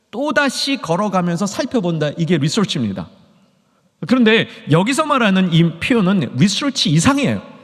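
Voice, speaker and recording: A middle-aged pastor delivering a sermon, moving from quiet storytelling to emphatic, high exhortation. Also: male voice. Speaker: senior pastor. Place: church sanctuary. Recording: long church reverb.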